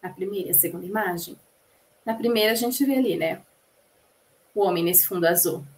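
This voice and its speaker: A woman's voice: mid-range voice, a little fast, a little mellow, a little hiss or hum. Woman explaining a lesson to a class. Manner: explanatory, addresses the class with rhetorical questions. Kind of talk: spoken lecture rendering.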